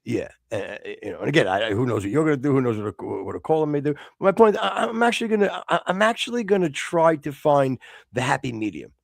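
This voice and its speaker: Rambling American man with a gravelly voice. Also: mid-range voice, quick pace, dry recording, studio quality. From United States. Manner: rambling, many restarts, excitable outbursts. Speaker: podcast co-host. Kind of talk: casual podcast banter.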